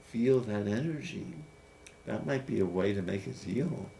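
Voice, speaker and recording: A man's voice: fairly low pitch, animated, unhurried, creaky, mellow. A man in his fifties hosting a casual, playful chat about scripture, musing aloud and laughing easily. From United States. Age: 50s. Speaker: host. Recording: faint background noise.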